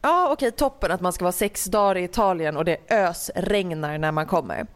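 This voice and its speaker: Woman, 30s, casual storytelling chat, lively, plays out the dialogue. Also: on the low side, faint music behind. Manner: animated, acts out quoted exchanges.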